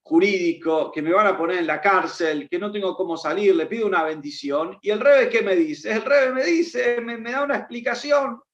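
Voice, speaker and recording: A rabbi with an Argentine accent telling a story in a sermon, acting out the dialogue of its characters. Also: male voice, sits high, moderate pace, hardly any pauses. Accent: Argentine Spanish. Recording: echoey, dull lo-fi sound.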